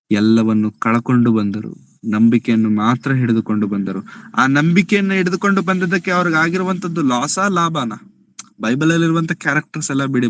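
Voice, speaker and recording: A man delivers a sermon from the pulpit at a middle pitch, with a dry, close sound and little room echo. He asks his listeners rhetorical questions and repeats phrases for emphasis, his voice rising when he drives a point home. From Karnataka, India. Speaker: preacher.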